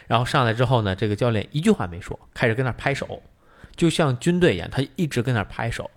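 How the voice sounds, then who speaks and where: A man's voice: mid-range voice, animated, fast. A man co-hosting a podcast, explaining things at length in casual chat, with many fillers. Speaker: podcast co-host.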